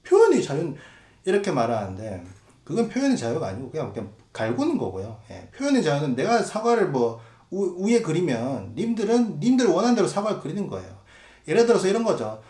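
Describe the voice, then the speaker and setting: A man's voice: a little high, wildly swooping pitch, fairly quick, dark tone, echoey room. A man hosting a casual podcast, ranting with many fillers and acting out other people's voices. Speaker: podcast host.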